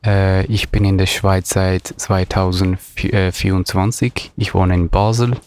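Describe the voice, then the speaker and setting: A man interpreting in hesitant, halting sentences full of filler sounds. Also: low voice, flat delivery, a little mellow.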